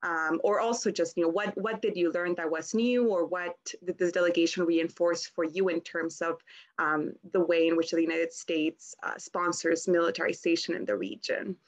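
A young woman moderating a panel discussion over a video call, speaking in a friendly, halting way with many ums and restarts. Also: fairly low pitch. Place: indoors at home, plain wall.

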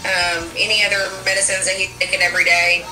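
A woman asking a family gentle, hesitant screening questions about a child, with many fillers. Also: fairly low pitch, level tone, fast talker, reverberant, distant mic, over music, rough recording. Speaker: developmental screening clinician. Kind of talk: clinical intake questions.

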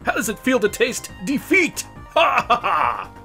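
A man's voice: very high-pitched, wildly swooping pitch, measured pace, pushed and bright, soft background music, voice pushed up, full character voice. A man voicing a fiendish, theatrical mad doctor villain in a storybook. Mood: gloating. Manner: theatrical, cackling.

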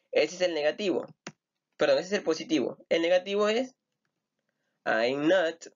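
A man's voice: fairly high pitch, lo-fi sound. A man teaching an English grammar lesson, patiently repeating words and asking rhetorical questions. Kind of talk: recorded online grammar lesson.

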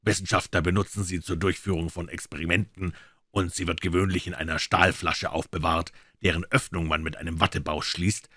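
A man's voice: low-pitched, flat delivery, a little fast, a bit bright, no room sound, studio quality. A man voicing a suave, amiable and mocking male detective in a crime audiobook. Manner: smooth, amiable, ironic.

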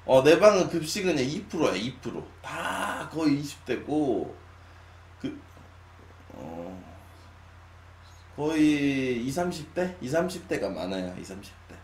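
A man in his late twenties talks casually to his live viewers, musing aloud with frequent sighs. His pitch swings widely as he goes from loud to soft. The room sounds echoey, with a faint hum underneath. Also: sing-song. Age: 20s. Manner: musing, slow and sighing, drifting between loud and soft. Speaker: live streamer. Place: small room at a desk.

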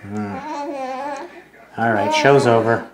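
A man's voice: mid-range voice, wildly swooping pitch, very slow, a loud crowd. A man, a father, joking and teasing during a casual home video of his baby's feeding.

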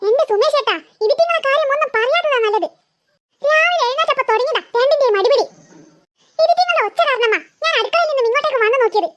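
A woman's voice: extremely high pitch, lively intonation, quick pace, fairly bright tone, no echo. A woman voicing a harried cartoon mother who scolds her two daughters. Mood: chatty. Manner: nagging, exasperated scolding.

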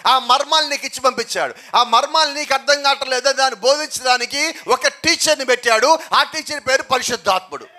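A man's voice: very high voice, fairly quick, hardly any pauses, bright, forceful tone. A man preaching a sermon, asking rhetorical questions and answering them himself, with emphatic repetition and cries of hallelujah and amen.

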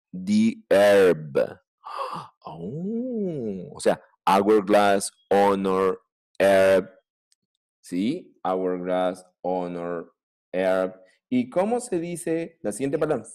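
Peruvian guy teaching english to kids, lots of pitch swings, talks slow, repeats words over and over. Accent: Peruvian Spanish. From Peru. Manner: lively, drilling pronunciation with repetition. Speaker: primary school English teacher. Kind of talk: online class teaching.

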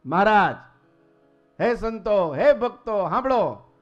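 A man's voice: very high voice, very animated, normal speed, lo-fi sound, faint music behind, voice pushed up. A man playing a humble, unlettered old male devotee who proclaims his devotion fervently.

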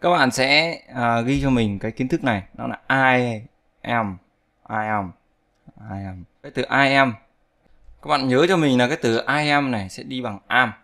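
A man's voice: mid-range voice, normal speed, bright, forceful tone. A man teaching an online language lesson, patiently repeating phrases for his students to drill. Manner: patient, instructive. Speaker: English teacher.

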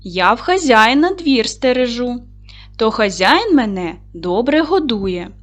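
A woman's voice: a little high, big pitch swings, unhurried. A woman voicing a friendly, well-fed male guard dog in a folk tale read aloud to children.

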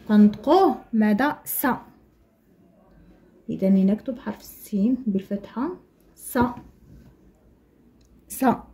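A young Moroccan woman teaching young children to write letters, slowly stretching out syllables and repeating them for the class to copy. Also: medium pitch, mellow, husky. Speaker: primary school teacher. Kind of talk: slow, patient handwriting lesson for young children.

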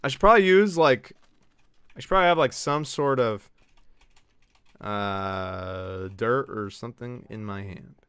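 A male Twitch streamer giving excitable live gameplay commentary, swearing and yelping as he banters with his chat. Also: medium pitch, unhurried, long pauses, clean tone, no room sound.

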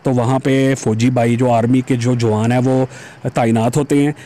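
A motovlogger from Pakistan rides a motorbike through busy city streets, filmed on a helmet-mounted camera, and keeps up a casual, chatty commentary for his viewers, calling them "janab". His mid-range voice is warm and level, at a normal pace.

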